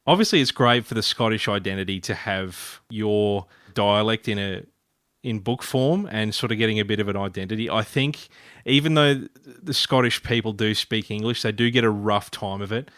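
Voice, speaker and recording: A man's voice: on the low side, moderate pace, a bit bright, no room sound, clean studio sound. A man from Ireland, hosting a podcast in a playful, rambling casual chat. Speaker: podcast host.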